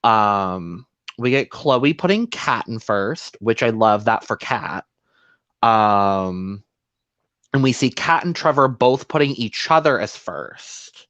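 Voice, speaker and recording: A man's voice: on the low side, lively intonation, slow pace, fairly bright tone, dry recording, highs cut off. A man co-hosting a casual podcast, recapping a show and slipping into playful voices for quotes. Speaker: podcast co-host.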